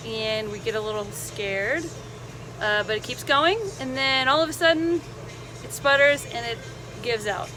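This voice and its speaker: A woman telling a casual vlog story with a sarcastic lilt, chatty and animated. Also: a little high. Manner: sarcastic lilt, playful mock enthusiasm. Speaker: travel vlogger. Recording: noisy vehicle ambience behind voice.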